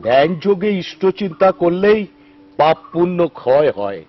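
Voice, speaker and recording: A man's voice: on the high side, sing-song, moderate pace. An actor playing a wild, fervent ascetic holy man in a devotional film, blunt with his followers and crying out to the divine Mother. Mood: gruff, preaching. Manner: gruff and blunt with followers, pleading cries to the Mother. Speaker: wandering ascetic saint. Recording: dull lo-fi film soundtrack with music.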